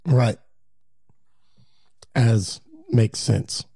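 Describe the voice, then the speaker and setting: A man's voice: medium pitch, gravelly, warm tone, breathy edge, no room sound, studio quality. A man co-hosting a podcast, chatting casually with a wry, joking manner. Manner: wry, joking, quick interjections. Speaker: podcast co-host. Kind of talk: casual chat.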